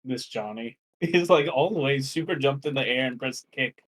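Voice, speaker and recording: A friend on voice chat during a gaming stream, giggly and animated, swearing freely. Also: mid-range voice, normal speed. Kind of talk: casual chat while gaming.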